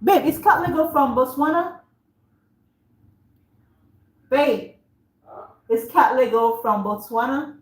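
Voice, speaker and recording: With a high-pitched voice, a Nigerian woman speaks slowly and pauses often while cooking in her home kitchen. An author, she hosts a casual livestream, chatting with viewers; the recording is distant and roomy, and a tap runs in the background.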